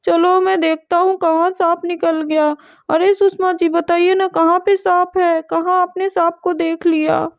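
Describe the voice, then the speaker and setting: A woman voicing a calm, protective father in a doll story, speaking firmly and reassuringly. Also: very high-pitched, unhurried, no room sound. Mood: steady, reassuring. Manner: reassuring, firm with the snake. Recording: dull dry home recording.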